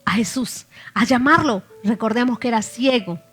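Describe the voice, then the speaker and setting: A woman's voice: a little high, normal speed, fairly bright tone, husky. Woman preaching a sermon over faint music. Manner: reads scripture aloud, then asks the listeners questions.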